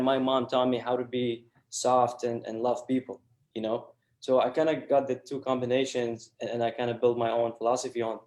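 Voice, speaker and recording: A man's voice: mid-range voice, dark tone, echoey room. A man, a guest telling his story in an earnest, casual way full of fillers and restarts. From Iraq. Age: 20s. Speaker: guest entrepreneur. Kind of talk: casual interview talk.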